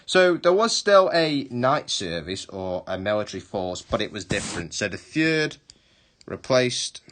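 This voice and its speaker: A man's voice: on the low side, sing-song, measured pace, fairly bright tone. Man teaching a recorded history lesson. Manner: explains step by step, rephrases and corrects himself.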